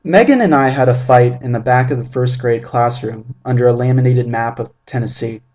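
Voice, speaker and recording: A man in his twenties reads aloud his own first-person tale, measured and richly descriptive. His medium-pitched voice is a little mellow, and the audio sounds dull.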